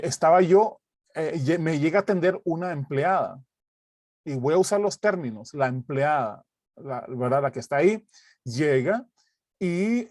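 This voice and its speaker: Halting man giving a dry Bible lesson. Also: on the high side, a little mellow, no room sound. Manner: halting, many restarts, keeps asking "right?". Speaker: Bible teacher.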